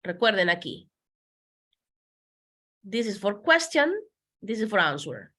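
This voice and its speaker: This slow explanatory language lesson comes from a female Spanish teacher with a medium-pitched, lively voice. She takes her time, repeating words slowly and patiently while mixing Spanish with English.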